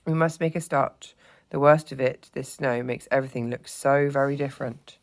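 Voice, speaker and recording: A reader voicing a brave, good-natured male water rat in a storybook read-aloud, brisk and reassuring. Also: medium pitch, steady tone, gravelly, close to an everyday voice.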